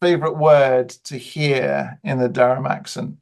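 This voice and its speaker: A man's voice: mid-range voice, steady tone, a little slow, gravelly, darkish tone. A man from southern England telling anecdotes in casual chat as a podcast guest.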